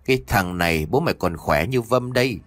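A man voicing a gruff, stubborn old grandfather in a spoken ghost story, scolding briskly. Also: lowish voice, lively intonation, a bit bright, no echo.

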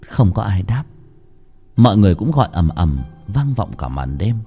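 A man narrating a rural ghost story in an expressive storytelling voice. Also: normal speed, slightly rough, faint music behind. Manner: expressive storytelling with a wide pitch range.

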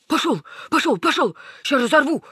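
Woman doing a shrill snobbish little dog. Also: normal speed, no echo, studio quality. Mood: furious. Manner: shrill, excitable, bossy. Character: snobbish, hysterical small female dog.

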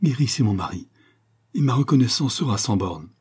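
A man's voice: mid-range voice, expressive, a little fast, darkish tone, husky, voice pushed up. A man reading the lines of an anxious young countess in a storybook, speaking in an urgent, pleading way.

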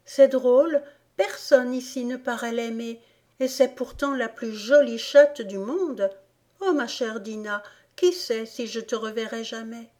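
A woman's voice: lively intonation, a little slow, darkish tone. A woman voicing a polite, dreamy young girl in a storybook, eager and pleading. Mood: wistful. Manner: eager, pleading, higher than her narration.

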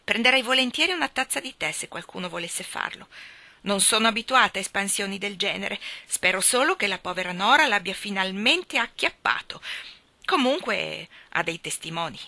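A woman's voice: medium pitch, expressive, normal speed, pushed and bright, no room sound. A woman reading aloud as a bossy, blunt older aunt, speaking in a tart, combative way. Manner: bellicose, tart.

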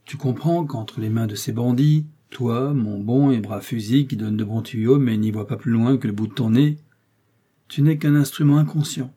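A sharp, commanding detective, read by a man gives orders in curt, authoritative questions. The voice is husky and dark-toned, and the part is told as an audiobook. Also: mid-range voice, moderate pace, natural voice. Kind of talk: audiobook character reading.

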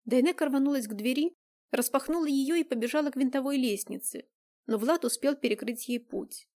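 A woman narrating an audiobook in a measured, even storytelling manner. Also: high voice. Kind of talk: scripted narration.

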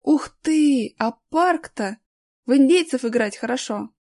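A woman voicing a bold, cheeky young boy in a storybook reading, shouting excitedly and indignantly. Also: high-pitched, unhurried, full character voice.

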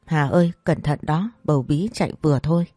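Steady reassuring big brother, hiding grief, read by a woman, low dark dry voice. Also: a little fast, dry recording, soft background music. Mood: calm. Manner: steady, reassuring, holding back tears. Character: grown man, elder brother-in-law, grieving but calm.

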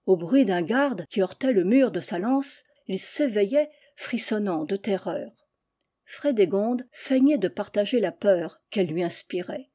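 Female audiobook narrator, measured even reading, warm mellow tone. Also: mid-range voice. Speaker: audiobook reader. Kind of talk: scripted narration.

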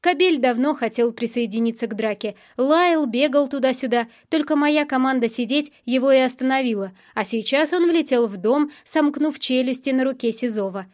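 A woman narrating a first-person novel in a steady, plain storytelling voice. Her pitch sits a bit high. She reads evenly as an audiobook narrator. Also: moderate pace, few pauses.

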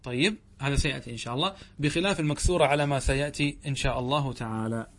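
A man's voice: mid-range voice, rapid-fire, slight background noise. A man, a sheikh, teaching Arabic grammar in a lecture, asking questions and answering them himself, often correcting himself mid-sentence.

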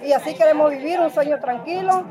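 High-voiced woman pleading firmly outdoors. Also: a little fast. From Nicaragua. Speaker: local resident. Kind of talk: interview testimony. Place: outdoors at a protest. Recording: outdoor field recording with crowd. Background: crowd.

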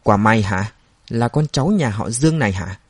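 A man doing a loud, bitter drunk father. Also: fairly low pitch, animated, fairly quick, slightly rough, no room sound. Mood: scornful berating. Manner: loud, slurred, berating. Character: angry drunk older father, bitter and scornful.

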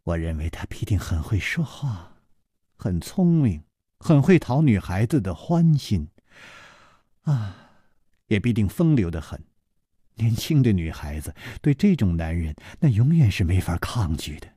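Storybook figure: a soft, gentle young woman, a male reader putting her on, hushed and calm. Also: fairly low pitch, a little slow, breathy edge, dry recording, clean studio sound, heavily acted.

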